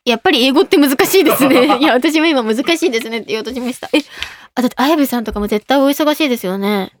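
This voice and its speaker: A young woman hosting a casual radio show, giggly and excitable as she reads listener emails. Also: sits high, fast. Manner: giggly, excitable, playful self-mockery. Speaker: radio host.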